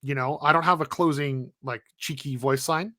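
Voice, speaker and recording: A man co-hosting a gaming podcast, with a bright, forceful voice that sits a little high. He talks in a chatty, animated way and laughs easily. The sound is dry and close, with no room around it. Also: moderate pace, no room sound. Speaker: podcast co-host. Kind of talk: casual gaming podcast chat.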